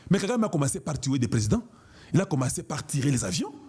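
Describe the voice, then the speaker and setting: Husky, high-voiced man. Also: very animated, fast talker, warm tone. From Congo (DRC). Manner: emphatic, declamatory, repeats for emphasis. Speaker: online political commentator. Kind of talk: impassioned political monologue.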